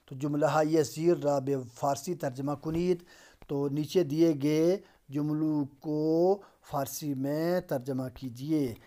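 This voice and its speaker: A man's voice: on the high side, steady tone, mellow. Man teaching a slide lesson. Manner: repeats and translates each sentence step by step. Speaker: Persian lecturer. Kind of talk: recorded classroom lesson over slides.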